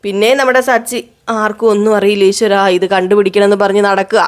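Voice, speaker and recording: A woman's voice: medium pitch, fairly even intonation, fast talker. A woman casually retelling a television serial episode in a chatty storyteller's way. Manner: chatty, with tag words.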